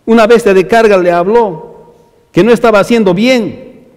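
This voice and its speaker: High-voiced preaching pastor in a reverberant hall. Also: male voice, moderate pace, a little mellow. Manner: emphatic preaching, rising on repeated phrases and dropping low at line ends; addresses the congregation directly as brothers. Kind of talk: sermon.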